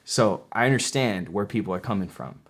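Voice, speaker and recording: A young man talks casually with a slightly low voice, packing his speech with fillers and restarts. He tells stories animatedly, playing out what people said. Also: brisk. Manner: animated storyteller, acts out quotes loudly; filler-heavy, many restarts. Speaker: podcast guest. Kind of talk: casual conversation.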